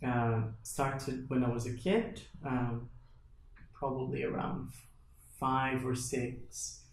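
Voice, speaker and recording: An animated man whose first language is Portuguese tells stories as a guest in a casual interview, acting out his own past thoughts. His mid-range voice moves slowly, with slight background noise, in an echoey room with faint music behind him.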